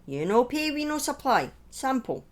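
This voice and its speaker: This true-crime story comes from a woman whose voice sits high and has a sing-song quality. She tells it conversationally and partly from a script, breaking off for casual asides and opinions, and her phrasing halts at times.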